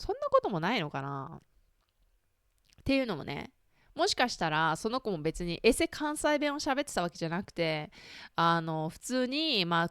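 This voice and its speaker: A woman's voice: mid-range voice, smooth, dry recording, clean studio sound. A woman in her thirties hosting a casual solo chat, talking to listeners with lots of fillers, asides and self-deprecating questions. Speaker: podcast host.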